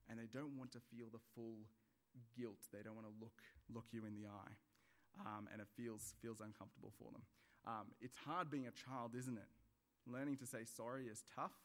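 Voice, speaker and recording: A man preaching in church, with a conversational sermon manner and acted everyday examples. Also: mid-range voice.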